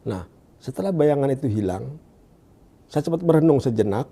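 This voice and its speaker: Hesitant man with a mellow voice. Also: expressive, slightly rough. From Indonesia. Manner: searching for words, halting restarts; drops to a hushed low voice when quoting. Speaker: guest giving a testimony. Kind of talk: conversational interview.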